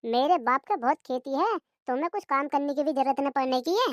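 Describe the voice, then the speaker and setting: A woman voicing a lazy, sharp-tongued young daughter-in-law in a cartoon comedy, talking back defiantly. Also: high voice, animated, fairly quick, no room sound, clean studio sound. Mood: coaxing.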